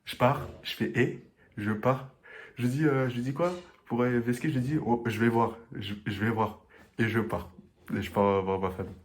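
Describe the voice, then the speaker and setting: A young man vlogging, telling animated stories with frequent laughter and acted-out quotes. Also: mid-range voice, moderate pace. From Comoros family, raised in France. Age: young adult. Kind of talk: storytelling travel vlog.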